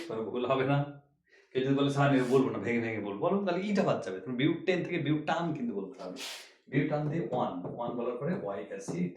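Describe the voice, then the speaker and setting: A man's voice: medium pitch, a little mellow. Man teaching chemistry in an echoey room. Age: older. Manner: explains step by step, repeats key points, asks rhetorical questions. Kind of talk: classroom lecture.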